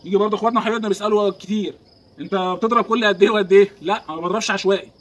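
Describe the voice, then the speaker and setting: Egyptian male angler, animated tutorial delivery, fast, slightly high, outdoor ambience. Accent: Egyptian Arabic. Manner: animated, instructive, talks to the viewer. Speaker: fishing vlogger. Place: outdoors by the water.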